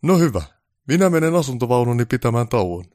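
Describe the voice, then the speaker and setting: A man's voice: medium pitch, sing-song, warm tone, dry recording, studio quality, voice pushed up, close to an everyday voice. A man voicing a pompous, snobbish male film director who barks orders in a haughty, raised voice.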